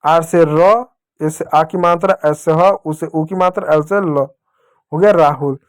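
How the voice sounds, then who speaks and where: Male teacher, patient, spells words out for kids, clear, slightly high voice. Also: fairly even intonation. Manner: patient, repeats words slowly and calls the kids dear children. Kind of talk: children's reading lesson.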